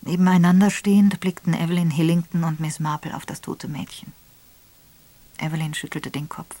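Woman narrator, lowish voice, calm even storytelling, audiobook. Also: normal speed. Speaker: audiobook reader. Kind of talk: scripted narration.

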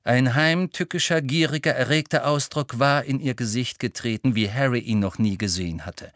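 An audiobook narrator, a man with a mid-range voice, reads a storybook in an expressive, animated way at a moderate pace. The scripted narration is recorded dry, with clean studio sound.

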